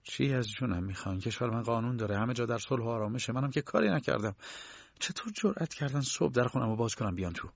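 A man voicing an indignant arrested bank clerk in his thirties, protesting in a shrill, outraged way in a storybook reading. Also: lively intonation, vocal fry, slightly rough, no room sound, dull audio. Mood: bewildered. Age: 30s.

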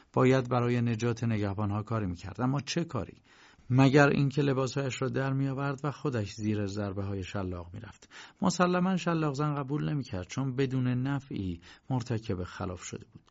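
A man narrating an audiobook with steady storytelling. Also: medium pitch, vocal fry. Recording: muffled lo-fi recording.

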